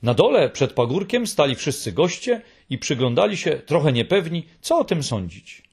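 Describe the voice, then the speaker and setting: A man narrating a children's storybook in an expressive reading style. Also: fairly high pitch, moderate pace, slightly rough.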